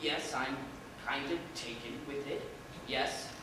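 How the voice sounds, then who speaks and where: A woman's voice: very deep voice, fairly even intonation, slow, background noise. A woman playing a frazzled, put-upon young woman in a stage play, rambling and defensive, recorded from far off on an echoey stage. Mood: weary. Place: theatre stage.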